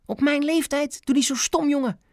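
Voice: mid-range voice, sing-song, dry recording, studio quality, voice pushed up. A narrator voicing a feisty, fussy old grandmother in a hospital bed, in an audiobook reading. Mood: incredulous. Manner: quick, incredulous, fussy.

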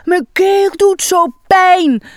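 A woman voicing a whiny little boy clown who pretends to be sick, crying out loudly in pain. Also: slow, no room sound, clean studio sound. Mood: wailing. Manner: wailing, high and loud cries.

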